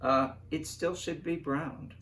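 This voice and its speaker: A man's voice: a little high, fairly even intonation, takes it slowly, a bit bright. A man appearing as a guest on a casual cooking show, talking about toast in a dry, mock-serious way. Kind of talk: casual chat.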